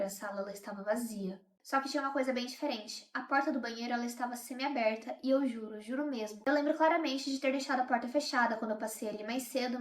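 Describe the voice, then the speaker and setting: Woman hosting horror readings, brisk and fairly high-voiced, in an echoey room. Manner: tense, confiding storytelling. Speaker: horror channel host. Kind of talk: first-person horror story reading.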